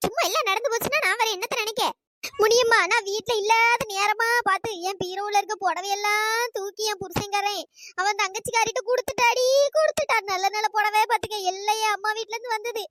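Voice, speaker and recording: Shrill, sly cartoon village troublemaker, fast-paced, woman voice actor. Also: steady tone, bright, forceful tone, dry recording. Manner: scolding, sly and gossipy. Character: meddling village woman stirring up fights. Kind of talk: cartoon voice acting.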